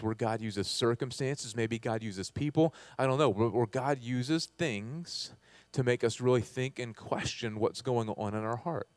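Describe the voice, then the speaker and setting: A man delivers a sermon in a conversational, checking-in way, often tagging lines with "right?". His voice sits in a middle register and grows passionate at key points. The recording is dry and close, with no room sound. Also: no echo. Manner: conversational, keeps asking "right?"; passionate, rises loud and high at times. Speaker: pastor.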